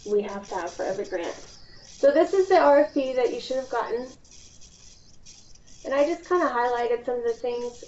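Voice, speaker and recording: This woman's voice is a little high but dark in tone. As a program presenter on a conference call, she explains things informally and emphasizes the key points, heard through a muffled, lo-fi phone line with hiss.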